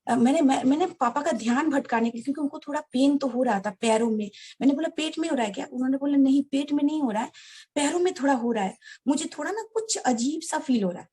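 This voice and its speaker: A woman telling a personal story to a devotional gathering, earnest and halting, often addressing her listeners directly. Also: high-pitched, mellow. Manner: many restarts and hesitations. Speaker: devotee sharing a personal experience. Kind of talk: heartfelt personal storytelling to an audience.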